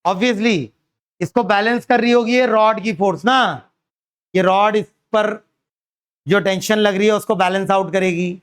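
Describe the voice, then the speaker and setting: Male physics teacher with a high, smooth voice. Quizzes the class and answers his own questions. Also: fairly even intonation, a little slow, fairly bright tone. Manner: asks students questions and answers them himself, calls them beta. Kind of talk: classroom lecture.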